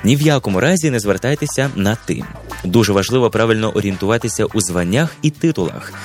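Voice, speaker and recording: A man presenting an educational program, reading a scripted lesson in a measured, instructive manner and slowing down on key words. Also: on the low side, animated, soft background music. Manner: measured, didactic, stretches words slowly for emphasis. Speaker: presenter of a language and etiquette program.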